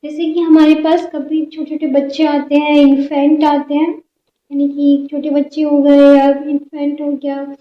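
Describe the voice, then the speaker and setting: Woman walking thru lecture notes point by point, high voice, echoey room. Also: unhurried. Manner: steady explanatory teaching, lists points one by one. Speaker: physiotherapy teacher. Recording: roomy, dull lo-fi sound.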